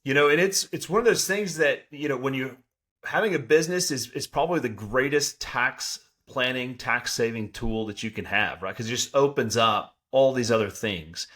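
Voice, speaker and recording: A man's voice: mid-range voice, normal speed, a bit bright. Conversational man explaining things plainly. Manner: conversational, explanatory, often checking in with "right?". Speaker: podcast co-host, accountant. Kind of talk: casual advice talk.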